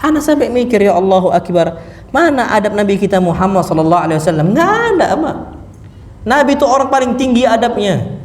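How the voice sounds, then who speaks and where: A man giving a lively mosque lecture to a seated audience, acting out sounds and stories as he preaches. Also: very high voice. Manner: lively, animated, acts out sounds and punchlines. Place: mosque hall. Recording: echoey mosque hall, faint noise.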